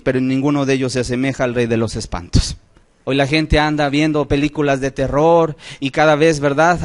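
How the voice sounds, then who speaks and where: A man preaching a sermon in church, emphatic, rising to outcries and dropping to low solemn phrases. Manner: addresses listeners as brothers, asks rhetorical questions.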